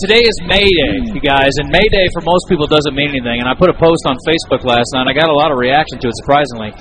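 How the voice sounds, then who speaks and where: A man's voice: mid-range voice, racing, noisy background. A man co-hosting a live radio show, chatting casually and telling a joking story. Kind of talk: casual on-air chat.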